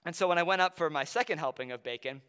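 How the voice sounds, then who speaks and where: A pastor preaches in a high, ringing voice that sounds crisp and clear. He talks conversationally, then slows right down to lean on key phrases. His words trail into the long reverb of a large hall. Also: a bit bright. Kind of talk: sermon with Bible reading and personal story.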